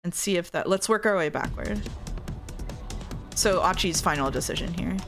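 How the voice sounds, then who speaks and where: A woman's voice: fairly low pitch, normal speed, a bit bright. Woman chatting casually over faint game music. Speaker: co-streamer playing a story game. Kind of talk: casual chat.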